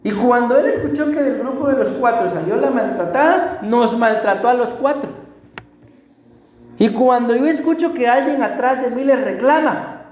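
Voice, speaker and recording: A man's voice: very high voice, normal speed, darkish tone. A middle-aged man with a Costa Rican accent, preaching a sermon and telling a personal story in an earnest, emphatic and repetitive way. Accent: Costa Rican Spanish. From Costa Rica. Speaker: pastor. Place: church hall. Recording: echoey church hall.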